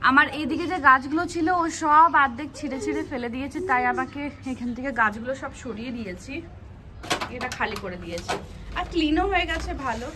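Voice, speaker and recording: A mother vlogs in casual chat, talking straight to her viewers in a fairly high voice. She records on a phone camera. Steady background noise sits under her voice. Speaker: vlogger and mother.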